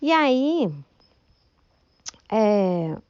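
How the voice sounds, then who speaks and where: A woman's voice: a little high, very animated, very slow, darkish tone, smooth, no room sound, lo-fi sound. A woman gives a church testimony in a chatty, emotional storytelling manner, often turning to her listeners for agreement. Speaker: church member giving testimony. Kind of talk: spoken religious testimony.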